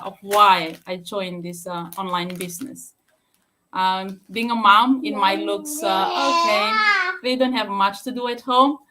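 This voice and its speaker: A woman's voice: on the high side, pushed and bright, a little hiss or hum. A woman from Fiji speaking on a live stream from her home, talking hesitantly with many fillers and restarts.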